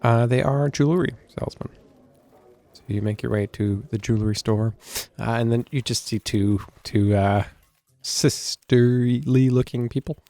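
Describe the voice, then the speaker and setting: A man narrates a tabletop game as its game master in a middle-pitched voice. He keeps it playful and laughs often. The recording is dry and close. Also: steady tone, measured pace, mellow, no room sound.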